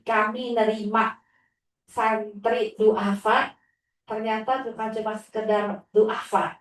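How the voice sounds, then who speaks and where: A woman religious teacher sharing stories about her students, acting out a child's whiny replies. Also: medium pitch. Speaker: Islamic teacher. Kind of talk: inspirational sharing talk. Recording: echoey room, distant mic.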